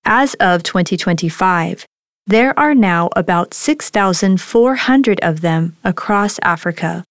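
A woman reading scripted nature documentary narration in a measured, articulate way. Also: on the low side, lively intonation, dry recording, studio quality. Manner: measured, articulate read delivery.

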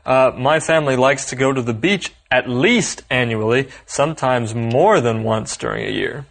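A man co-hosting an English lesson, explaining in a relaxed, easygoing way. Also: medium pitch, normal speed, gravelly. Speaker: co-host. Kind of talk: casual classroom chat.

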